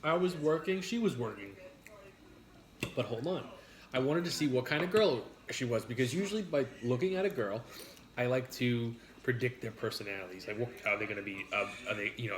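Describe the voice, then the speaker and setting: Eating on a mukbang as co-host, a man of medium pitch talks in a blunt, casual way, with some swearing mixed in. The background is noisy, an echoey room full of busy chatter.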